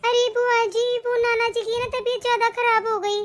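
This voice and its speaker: A woman's voice: very high voice, flat delivery, moderate pace. A woman voicing an earnest young daughter-in-law. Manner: earnest, respectful, talks at length. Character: young new mother, tearful and polite daughter-in-law. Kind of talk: animated family story voice acting.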